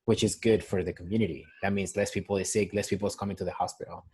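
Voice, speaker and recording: In a casual phone interview from San Diego, a young Mexican nurse with a Mexican Spanish accent rambles and keeps restarting. He talks fast in a low, fairly even voice that's a little mellow and slightly rough.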